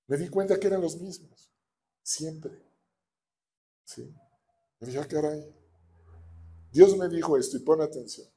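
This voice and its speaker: A man with a Mexican accent preaching a sermon as a pastor, animated and often asking the congregation for agreement. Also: on the high side, a little slow, pauses often. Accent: Mexican Spanish.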